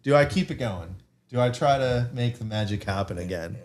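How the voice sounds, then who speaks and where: A man's voice: medium pitch, lively intonation, a little fast, a little mellow. Man, podcast co-host, rambling, self-amused, casual live chat. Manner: rambling, self-amused, thinks aloud with many fillers. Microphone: desk mic with camera, streaming live.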